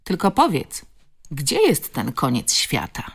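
A woman's voice: low voice, wildly swooping pitch, slow pace, creaky, husky, full character voice. A woman reading the part of a nosy village woman who asks questions and sighs over a neighbour's misfortune. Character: curious gossiping village shopper.

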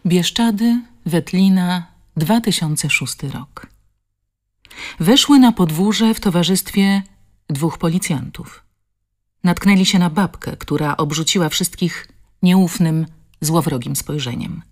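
A woman narrating an audiobook in a measured, expressive reading. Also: on the low side. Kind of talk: scripted narration.

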